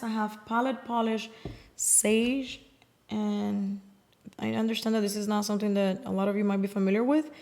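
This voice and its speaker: A woman's voice: mid-range voice, a little mellow. A woman casually chatting as she swatches and compares nail polishes, swearing now and then and sometimes dropping to a whisper. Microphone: close mic.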